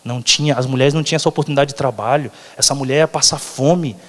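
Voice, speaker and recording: Brazilian pastor preaching in a reverberant church. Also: male voice, medium pitch, fairly even intonation, quick pace. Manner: conversational, checks in with the congregation. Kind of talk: sermon. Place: church sanctuary. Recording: long church hall reverb.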